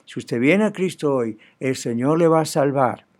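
A man's voice: medium pitch, animated, moderate pace, a little mellow. A man preaching an earnest, pleading evangelistic sermon.

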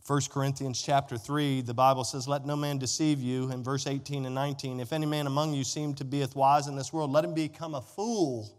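This pastor has a mid-range voice and a steady tone, talking briskly with hardly any pauses. He preaches emphatically to a congregation in a large indoor room, folksy and direct, repeating phrases. The recording carries a reverberant hall's long echo.

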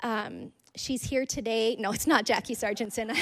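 A woman telling a personal faith story to a congregation, earnest and conversational, with frequent "like"s and soft laughs. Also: on the high side. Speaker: speaker sharing a testimony. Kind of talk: personal testimony in a church talk.

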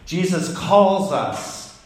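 A man preaching a sermon in a slow, deliberate way, pausing between words. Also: high voice, animated. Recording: very echoey room.

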